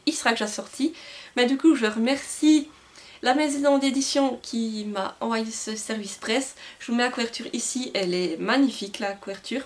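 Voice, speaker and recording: Stammering woman in a book haul. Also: fairly high pitch. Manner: stumbling, stammering, restarting words. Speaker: book vlogger. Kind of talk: casual book haul talk. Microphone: camcorder's built-in mic.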